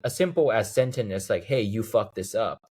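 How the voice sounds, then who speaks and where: A man in his thirties from Thailand, a guest chatting casually in an interview and acting out examples as he talks. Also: a little fast. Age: 30s. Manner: animated storyteller, acts out quoted lines in a higher voice. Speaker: guest, video game composer.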